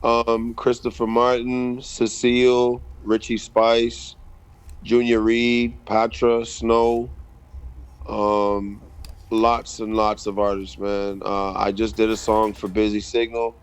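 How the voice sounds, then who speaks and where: A man from the Bahamas, a reggae artist in his thirties, giving a casual radio interview in a measured, hesitant way with many ums. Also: lowish voice, level tone, clear, resonant tone. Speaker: guest reggae artist and producer.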